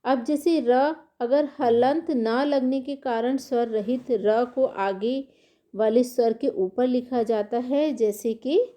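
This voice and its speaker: A woman's voice: fairly high pitch, takes it slowly, warm tone. A woman teaching a Hindi grammar lesson over a screen recording, explaining patiently and reading letters out one by one.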